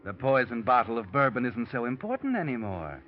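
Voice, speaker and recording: A man's voice: mid-range voice, very animated, a little fast, lightly acted. A man playing the Whistler, an ominous radio narrator. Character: mysterious male narrator speaking to the guilty. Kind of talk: 1940s radio drama narration. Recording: dull old radio broadcast with music.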